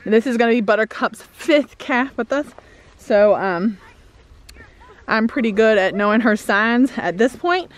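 A woman's voice: a little high, measured pace. A woman in her thirties giving a casual farm tour, explaining things with lots of "um"s while holding the camera at arm's length outdoors. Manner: chatty, explanatory, many "um"s. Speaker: homesteader vlogger. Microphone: camera held at arm's length.

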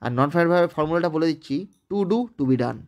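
A man with a Bengali accent teaches an English grammar lesson at a brisk, rapid pace. His voice sits somewhat high. He breaks each rule into small steps and keeps asking whether his students have understood. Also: a little mellow. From West Bengal, India. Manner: explains step by step, often checks understanding with the class. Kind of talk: recorded online grammar lesson.

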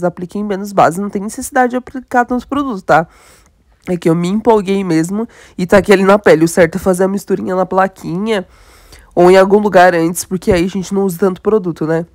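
A young Brazilian beauty vlogger chats eagerly with viewers during a casual makeup tutorial, her voice stuffy and nasal from a cold. She speaks fairly quickly at medium pitch with a Brazilian Portuguese accent, and there is no room sound.

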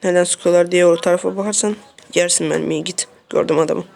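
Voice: mid-range voice, steady tone, fast talker, vocal fry, a little mellow. A streamer giving casual commentary on a mobile shooter game, repeating short phrases and talking straight to the viewers. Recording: faint noise and clicks.

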